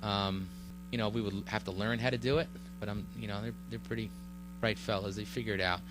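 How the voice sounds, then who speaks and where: Speaking at a public meeting in the village board room, this village official has a low voice and a halting, filler-heavy way of explaining the road project, frequently starting sentences over. Underneath him, an electrical hum stays steady and clear.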